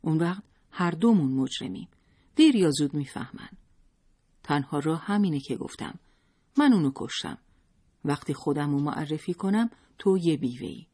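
A man's voice: fairly high pitch, lively intonation, warm tone, husky. A man reading a story aloud and voicing a resolute middle-aged woman who speaks firmly and urgently. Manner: firm, urgent, commanding.

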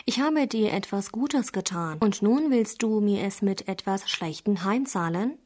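A woman's voice: medium pitch, animated, unhurried, darkish tone. A woman reading the part of a poor, thin shepherd in a fable, in a plain storybook voice. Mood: indignant. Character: poor thin male shepherd, upset and wronged.

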